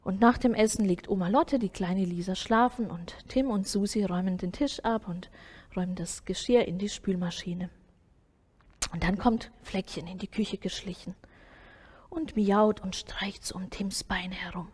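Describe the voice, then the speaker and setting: Soft breathy woman telling a children's story. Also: mid-range voice, normal speed. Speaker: Sunday school storyteller. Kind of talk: reading a children's story aloud.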